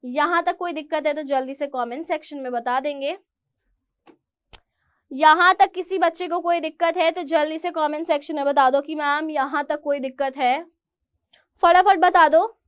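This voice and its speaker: High-voiced woman teacher. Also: fairly even intonation. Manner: reads English lines slowly, then explains in Hindi. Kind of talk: chapter explanation lesson.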